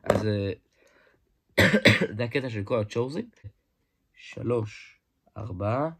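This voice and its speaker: A man giving a casual hands-on toy review, excitable, exclaiming often and restarting his sentences. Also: fairly low pitch. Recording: noisy home recording with clicks.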